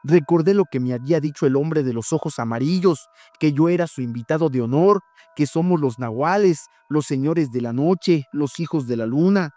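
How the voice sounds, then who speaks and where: A man host reads a horror story aloud at a steady, measured pace. His voice is warm and mellow and sits close to a dry mic, with faint music underneath. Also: on the high side, no room sound. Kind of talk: scripted narration of listeners' horror stories. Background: faint background music.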